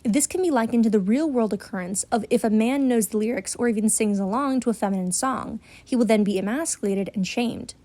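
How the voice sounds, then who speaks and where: A woman's voice: fairly high pitch, brisk, few pauses, dark tone, no echo. A woman narrating a scripted video essay in an earnest, explanatory way.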